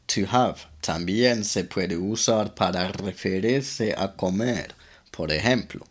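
A man's voice: on the low side, fairly bright tone. A man teaching English to Spanish speakers in a podcast-style lesson, patiently drilling example sentences one by one.

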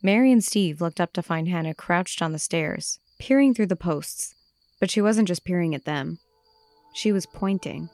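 A woman's voice: lowish voice, lively intonation, dry recording. Woman narrating a spooky tale. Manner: measured, suspenseful. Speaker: podcast host and storyteller. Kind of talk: scripted spooky story narration. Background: soft music.

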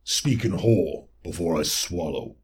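A man voicing a huge, bloated toad-like creature that croaks its words slowly and menacingly. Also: sits low, very animated, voice pushed down, heavily acted. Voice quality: slow croaking, belching, far-off.

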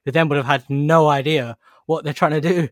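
Quick-talking man, jokey. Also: fairly high pitch, no echo, clean studio sound. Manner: animated, jokey, nostalgic. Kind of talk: casual chat about collectible toys.

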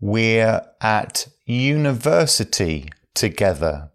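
A man reads phrases for a language lesson, first slowly and then again at normal speed. His pitch moves a lot as he spells out each phrase clearly. The overall pace is slow and careful. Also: sing-song. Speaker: phrase teacher.

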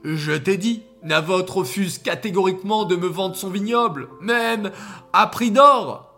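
A storyteller voicing an angry, covetous king who speaks slowly and loudly through gritted teeth in a children's story. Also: medium pitch, soft background music, pitched above the performer's own voice. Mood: insistent.

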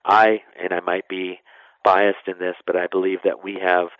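Low-pitched with a creaky, gravelly edge, a man who is a national park superintendent explains things as an expert interview guest, flat in delivery at a moderate pace. His phrasing is informal and sometimes trails away. The recording is dry and a bit dull, like a band-limited radio interview.

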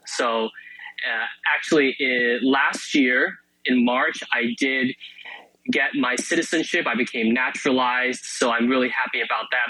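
A man's voice: medium pitch, pushed and bright, no room sound, low-quality recording. A young man from Malaysia, a university student, chatting eagerly as a guest on a radio interview, full of fillers and restarts. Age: young adult.

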